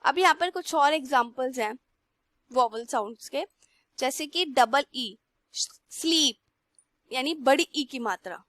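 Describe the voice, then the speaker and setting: A young woman teacher slowly reads textbook lines aloud and then explains them in Hindi. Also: sits high, lively intonation, fairly bright tone, no room sound. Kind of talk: classroom lesson.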